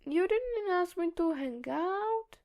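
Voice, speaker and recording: A woman's voice: sits high, slow pace, vocal fry, a little mellow, exaggerated voice. A woman reading a cheeky young man. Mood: joking. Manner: cheeky, mock-innocent. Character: young male informant, cheeky and joking. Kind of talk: fan audiobook reading.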